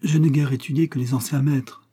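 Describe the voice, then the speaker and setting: A man voicing a shy, earnest young woman who speaks softly. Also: medium pitch, fairly even intonation, fairly quick, breathy edge, pitched above the performer's own voice, close to an everyday voice. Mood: polite.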